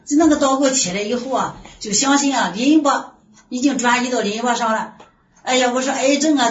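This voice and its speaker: A middle-aged woman speaks with fervent, exclamatory earnestness as she tells her faith testimony, her voice sitting a little high. She is picked up from across a reverberant room. The sound is dull and lo-fi with a faint hiss underneath. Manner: earnest, exclamatory, frequent sighing interjections. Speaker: church member giving testimony. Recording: distant roomy lo-fi recording with faint hiss.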